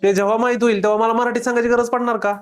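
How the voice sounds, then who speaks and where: A man's voice: very high voice, flat delivery, rapid-fire. A man teaching a classroom of children, quizzing them with repeated questions and playful teasing.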